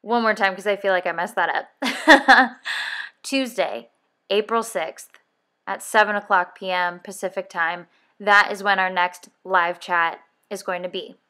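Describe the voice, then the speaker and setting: Speaking at a measured pace with a sharp tone and medium pitch, this woman in her early thirties co-hosts a podcast, chatting loosely, wandering a little, laughing, and correcting herself as she goes.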